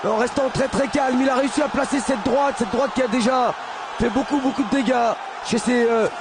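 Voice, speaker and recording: A man giving excited live fight commentary as co-commentator, halting and repeating words. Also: very high-pitched, shouting. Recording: clear crowd noise behind commentary.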